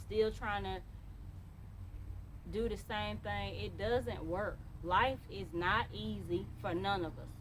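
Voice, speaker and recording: A woman's voice: medium pitch, a little hiss or hum, poor audio. A woman giving a motivational monologue to camera, emphatic and repeating phrases for stress. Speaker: motivational speaker.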